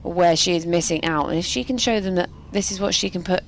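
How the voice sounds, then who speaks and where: A female cricket analyst talks through the players' form in a lower-pitched, easygoing voice. She chats and jokes between deliveries. Faint noise from the ground sits behind her. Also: fairly quick. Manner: chatty, analytical, with light jokes. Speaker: co-commentator and analyst. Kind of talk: sports colour commentary. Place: commentary box at a quiet ground.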